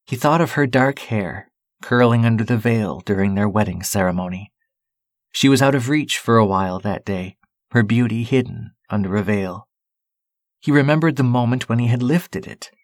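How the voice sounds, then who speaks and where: A man narrating a story in a steady, calm reading voice. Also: mid-range voice, normal speed, no room sound, clean studio sound.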